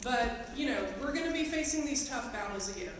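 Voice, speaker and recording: A woman with a higher voice talks briskly and animatedly to fellow educators at a teachers' association meeting. Her chatty, earnest remarks are peppered with ums and you-knows. The far-off recording captures a roomy, reverberant hall and ambient noise.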